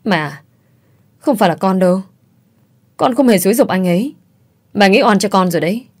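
A woman's voice: mid-range voice, lively intonation, normal speed, close to an everyday voice. A woman voicing a meek, hardworking young wife who speaks politely to her mother-in-law. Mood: hurt. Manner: gentle, polite.

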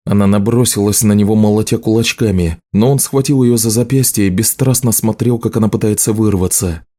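Reading an audiobook, a male narrator keeps his delivery steady and measured. The voice is deep and mellow, warm with a dark quality.

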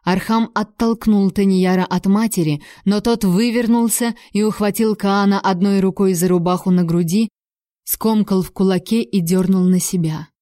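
Dark-voiced woman narrating a novel. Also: mid-range voice, fairly even intonation, normal speed, no room sound, studio quality. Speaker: audiobook narrator. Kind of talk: first-person novel narration.

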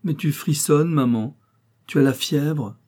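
A man's voice: mid-range voice, moderate pace, warm tone, husky, natural voice. A man voicing an anxious young woman student. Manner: urgent, fretful pleading.

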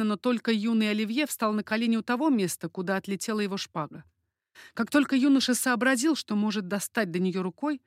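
A woman's voice: mid-range voice, dry recording. Woman narrating an audiobook, dry sound. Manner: expressive, steady storytelling.

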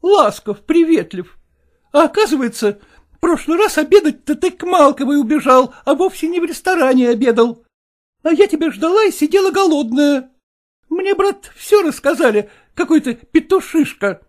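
A man reading a story aloud, voicing a jealous, demanding actress wife who scolds and shouts at her husband. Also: extremely high pitch, expressive, normal speed. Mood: angry. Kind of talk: audiobook character voice.

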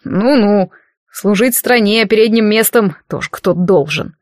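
A woman's voice: mid-range voice, a little slow, no echo, clean studio sound, natural voice. A woman doing an arrogant, scornful army commander. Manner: contemptuous and mocking. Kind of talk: audiobook dialogue.

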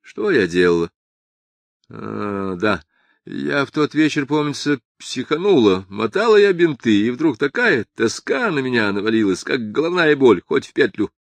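A man's voice: mid-range voice, big pitch swings, moderate pace, creaky, no echo, pitched above the performer's own voice. A man reading an audiobook and voicing a languid young woman in a drawling, lazy, teasing manner. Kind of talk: audiobook character voice.

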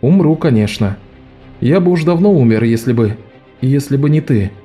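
A man voicing Locke, a wily adult male con man who talks in a wry, quiet way. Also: mid-range voice, lively intonation, moderate pace, soft background music, close to an everyday voice. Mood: tender.

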